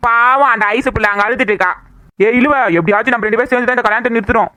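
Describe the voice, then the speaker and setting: A woman voicing a chatty, bossy young village woman in a cartoon, talking fast and scolding. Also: on the high side, steady tone, sharp tone, no room sound. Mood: plotting. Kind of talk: cartoon voice acting.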